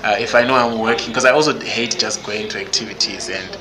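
This podcast guest, a young man from Zimbabwe, is outspoken and emphatic in a casual interview. His voice is lowish and steady, his pace brisk. The rough recording has a crowd in the background and music playing clearly underneath.

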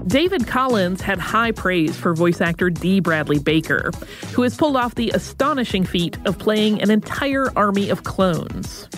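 A podcast host narrating in a measured, scripted way. Her pitch is lively and varied, with faint music behind her. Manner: measured, introduces clips.

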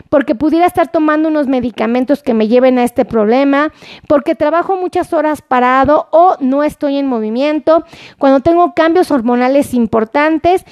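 A woman's voice: sits high, moderate pace, a little mellow, dry recording. A woman doctor giving a live-streamed health talk, chatty and playful, cheering on her viewers. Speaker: doctor and diabetes specialist. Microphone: phone.

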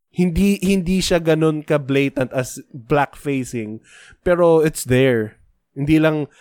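A man's voice: mid-range voice, a little mellow, dry recording, studio quality. A man with a Filipino accent co-hosting a casual podcast, explaining at length and mixing Tagalog and English. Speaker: podcast co-host.

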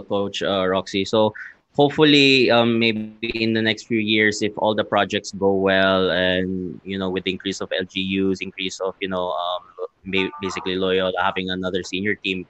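A man's voice: low voice, a bit bright, dry recording. A man from Mindanao asking long, rambling questions in an online panel. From Mindanao, Philippines.

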